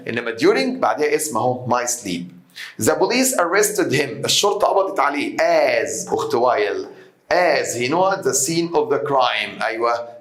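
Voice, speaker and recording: A man with an Egyptian Arabic accent teaching an English grammar revision lesson, reading example sentences slowly and questioning his students. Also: medium pitch, echoey room. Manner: explains step by step, switching between Arabic and English example sentences read slowly; addresses students directly with quick questions.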